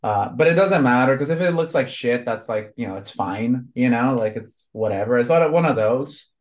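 A tattoo artist from Honduras, a man in his thirties, chats casually and rambles, filling his speech with lots of fillers. He speaks at a moderate pace in an animated, medium-pitched voice.

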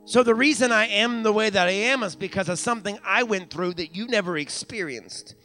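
A young pastor from the United States gives a live sermon in his church sanctuary at a brisk clip, his voice high, bright and forceful with soft music beneath it. Frequent hallelujahs and call-outs punctuate his preaching, and repeated lines carry him up to raised climaxes.

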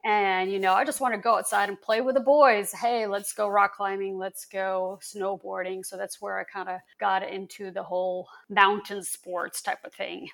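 A woman from Lithuania, a guest on a podcast, telling stories in a lively, animated, casual way. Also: medium pitch, moderate pace, vocal fry, hardly any pauses. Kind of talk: casual interview chat.

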